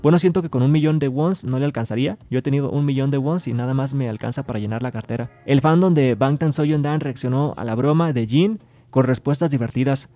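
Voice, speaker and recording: A man's voice: medium pitch, fast talker, warm tone, soft background music. A man reading entertainment news as a scripted voice-over, adding brief personal asides. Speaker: news presenter.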